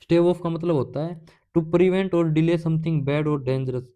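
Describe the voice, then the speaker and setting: A man's voice: on the high side, slow pace, mellow, clear, resonant tone. A man teaching English idioms in a casual lecture. He asks his own questions and answers them, with playful jokes along the way. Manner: explains by asking questions and answering them himself; jokey, playful asides while explaining.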